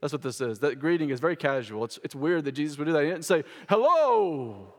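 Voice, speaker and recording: A male pastor delivers a sermon in a church sanctuary, his voice sitting a little high for a man. He presses his points by repeating them, and the big room adds a long reverb tail. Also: very fast. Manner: emphatic, repeats key phrases for stress.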